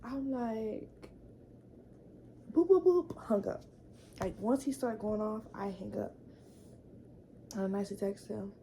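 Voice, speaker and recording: Chatty young woman with a gravelly edge. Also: mid-range voice, a little slow, pauses often, mellow, a little hiss or hum, poor audio. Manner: chatty, lots of fillers and repeats. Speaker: vlogger. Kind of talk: casual storytime.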